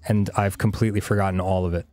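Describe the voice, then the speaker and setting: Chatting over gameplay as a co-host, this Hebrew-speaking man in his thirties has a deep, darkish voice with a level tone and quick pace, recorded with no room sound. His talk meanders, full of fillers and laughter.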